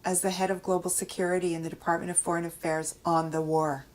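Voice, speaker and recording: A middle-aged woman in a casual interview, telling a family story in a lively way with frequent "um" pauses. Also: fairly low pitch, low-quality recording. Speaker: interviewee, mother of an adult son.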